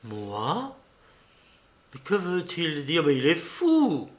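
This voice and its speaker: Man putting on shrill indignant Madame Boulanger. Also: steady tone, unhurried. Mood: outraged. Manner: exclaiming, high-strung. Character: accusing woman, shrill and indignant.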